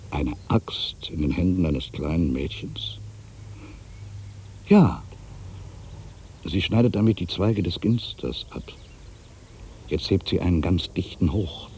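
An older man with a low, mellow, gravelly voice plays an aging, weary writer in a literary monologue, brooding and wry, with deliberate, weighted pauses. His heavily acted delivery sounds tense and alarmed, over a slight hiss or hum.

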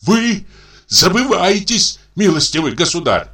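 A man voicing a pompous, indignant bank director who talks in a high, outraged, stiffly formal way. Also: lively intonation, a little slow, sharp tone, heavily acted.

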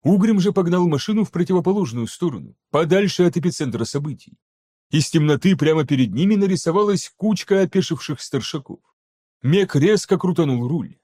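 Dark-voiced male audiobook narrator. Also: a little high. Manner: steady, even storytelling that voices each character. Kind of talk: scripted narration.

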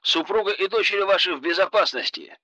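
A man's voice: sits high, lively intonation, fast, sharp tone, no room sound, dull audio, pitched above the performer's own voice. A man doing a soldier over a field telephone. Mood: dutiful. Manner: crisp military reporting. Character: young male soldiers reporting by field phone. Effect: voice over an old field telephone.

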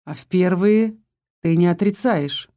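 A woman reading the part of a teasing, protective young husband in an audiobook, with a mellow voice that stays close to her own. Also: fairly low pitch, unhurried, lightly acted. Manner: teasing, persistent questioning.

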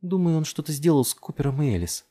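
A man's voice: fairly high pitch, animated, fast, mellow, husky, voice pushed up. A man voicing a frightened young woman in an audiobook, reading her lines tense and urgent. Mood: alarmed. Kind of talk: audiobook character voice.

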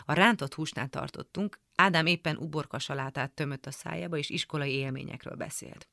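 Woman reading a memoir, gravelly. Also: low-pitched, bright, forceful tone, no room sound, studio quality. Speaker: radio reader. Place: radio studio.

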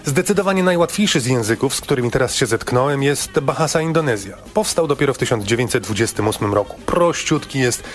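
A man's voice: mid-range voice, lively intonation, fast talker, few pauses. Male radio travel reporter, playful storytelling, faint background music.

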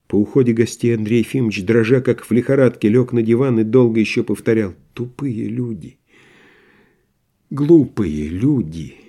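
Man reading a classic story, mellow voice. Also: medium pitch. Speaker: audiobook narrator. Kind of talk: literary audiobook narration.

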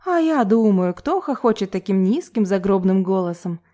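A woman's voice: mid-range voice, sing-song, normal speed, mellow. A woman reading an audiobook, voicing a chatty, cheerful young woman roommate who pouts easily.

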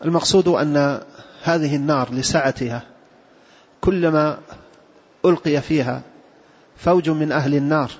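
A husky-voiced man gives a religious lesson as a sheikh, drawing out his words in measured, scholarly explanation. His voice sits in a middle range. The recording is dull and lo-fi, with long reverb as if from a hall. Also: on the high side. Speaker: sheikh teaching Islamic creed.

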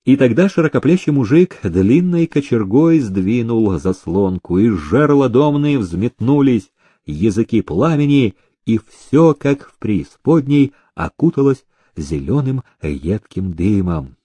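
A man reading a historical story aloud in measured, expressive narration. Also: medium pitch, slightly rough, dry recording. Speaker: audiobook narrator. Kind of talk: scripted narration.

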